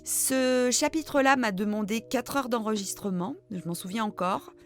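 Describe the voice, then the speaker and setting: Speaking a little high at a moderate pace, with soft background music, a middle-aged woman answers her reading channel's viewer questions. Her manner is chatty and self-deprecating, peppered with hesitant fillers.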